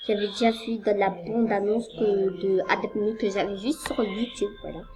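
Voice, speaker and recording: A woman's voice: mid-range voice, steady tone, normal speed, crowd noise, low-quality recording. A woman casually commenting on a game as she plays, in a hesitant, rambling way with many fillers. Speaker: gaming video creator.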